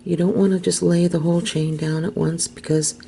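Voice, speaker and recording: A woman hosting a craft tutorial, explaining each step gently and unhurriedly, sometimes dropping to a soft whisper as she works. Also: fairly low pitch, little pitch movement, fairly quick, gravelly, a little hiss or hum.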